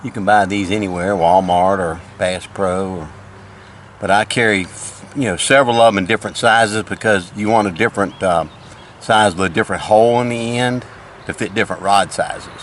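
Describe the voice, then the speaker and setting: Older man, lowish voice, folksy fishing chat, outdoors by a lake, background noise. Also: fairly bright tone. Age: older, retired. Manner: folksy, plain-spoken. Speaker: fishing vlogger.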